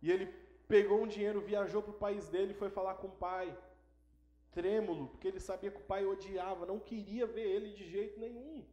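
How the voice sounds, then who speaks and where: A high-pitched male pastor preaches an emphatic sermon, hammering his points home by repeating key words. His voice rings out through a church that echoes all around him. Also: steady tone, fairly quick, warm tone, lo-fi sound.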